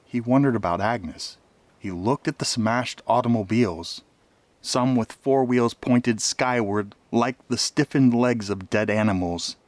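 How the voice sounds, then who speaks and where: A man reading a story aloud as dramatic audiobook narration, often dropping to a hushed near whisper. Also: medium pitch, a little slow, no room sound.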